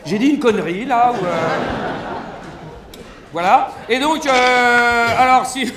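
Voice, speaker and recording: A male stand-up comedian on a concert hall stage, telling crude, mocking stories in an animated way. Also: very high-pitched, takes it slowly, background noise. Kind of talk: satirical stand-up press review. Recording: roomy live hall sound.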